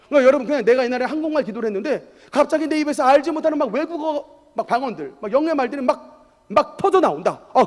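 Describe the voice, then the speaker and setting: A male pastor delivers an animated sermon in a strikingly high voice that swoops up and down. He tells personal anecdotes with emphatic energy. The recording carries the long, echoing reverb of a church sanctuary. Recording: echoey church hall.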